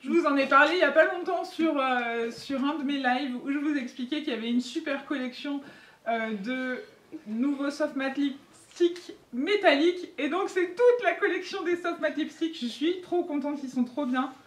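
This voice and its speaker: High-voiced excitable woman unboxing. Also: normal speed. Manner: chatty and excitable, giggly. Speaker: beauty vlogger. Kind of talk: casual unboxing chat. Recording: echoey room, faint noise.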